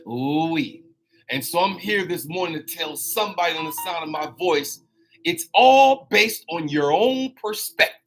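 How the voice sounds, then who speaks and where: A man's voice: a little high, sharp tone. A man in his fifties hosting a motivational talk. He preaches animatedly, repeats phrases for emphasis and speaks straight to his listeners. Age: 50s. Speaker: host.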